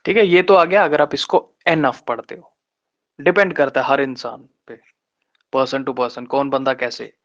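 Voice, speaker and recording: A man teaching shorthand in a live online lesson, explaining step by step with patient pauses and slowing down to spell out terms. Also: mid-range voice. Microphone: online class microphone. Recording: dull lo-fi online class audio.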